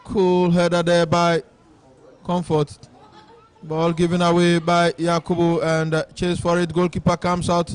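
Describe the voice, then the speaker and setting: A man commentating live on a football match, shouting a long, drawn-out, excited goal yell. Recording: outdoor pitch with faint crowd noise. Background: faint crowd outdoors.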